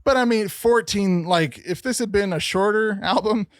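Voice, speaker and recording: A man's voice: high voice, moderate pace, no room sound, clean studio sound. A young man co-hosting a casual album review podcast, rambling with lots of "um" and "like" fillers. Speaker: podcast co-host.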